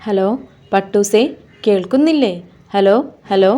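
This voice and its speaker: A woman's voice: mid-range voice, unhurried, dark tone, lightly acted. A woman voicing a worried young girl who anxiously and insistently calls her kite back, in a read-aloud storybook. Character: worried young girl, protective older sister.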